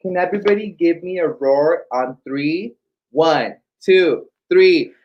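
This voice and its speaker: Taking it slowly at a medium pitch, a drag queen reads aloud as co-host of a kids' story time, trading playful, campy banter. The sound comes through as slightly dull livestream audio.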